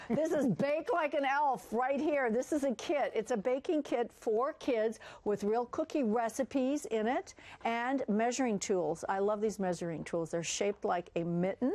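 A woman co-hosting a daytime TV show, chatting brightly as she shows off a baking kit. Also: fairly high pitch, unhurried, dry recording. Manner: bubbly, chatty, with restarts and laughs. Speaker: TV talk show co-host. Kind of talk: casual daytime TV chat.

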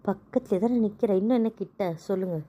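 Cheeky young wife, mellow warm tone, exasperated played by a woman. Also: medium pitch, quick pace, highs cut off, lightly acted. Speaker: voice actor in audio drama. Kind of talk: amateur audio drama acting.

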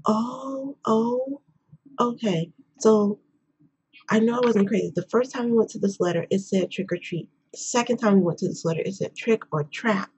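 A young woman hosting a game playthrough in a quiet whisper, chatting casually as she plays. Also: a little high, moderate pace, husky, muffled recording. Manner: whispering quietly, keeping voice hushed. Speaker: gaming video host. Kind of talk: whispered let's play commentary, casual chat. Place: indoors at home. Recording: noisy background, keyboard and mouse clicks.

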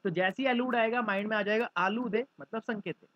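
A man's voice: high voice, brisk, dull audio. A male teacher explaining vocabulary through mnemonics, acting out little scenes as he goes. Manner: lively, acts out little scenes.

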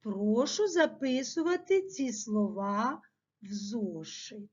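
A woman teacher giving a language lesson to children, dictating words slowly and pronouncing them carefully. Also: a little high, breathy edge, dull audio. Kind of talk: classroom lesson.

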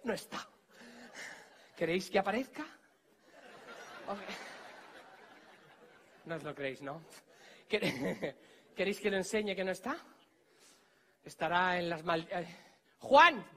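A man with a Spanish accent performing a live comedy magic act, teasing volunteers and giving them quick orders on stage. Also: high-pitched, a bit bright.

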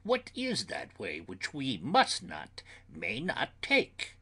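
A man reading an audiobook, voicing a grave old male professor who speaks hoarsely, quietly and slowly. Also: mid-range voice, wildly swooping pitch, heavily acted.

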